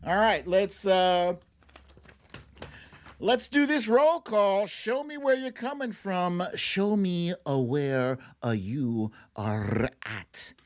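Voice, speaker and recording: A livestream host comments casually on clips, playful and expressive, letting out silly exclamations. The voice has a medium pitch.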